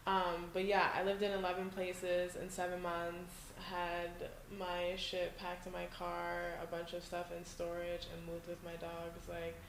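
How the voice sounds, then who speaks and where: A woman's voice: on the low side, monotone, a little slow, few pauses, slight background noise. A woman from New York hosting a casual podcast interview in someone's living room, chatty and full of fillers. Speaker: podcast host. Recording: echoey room.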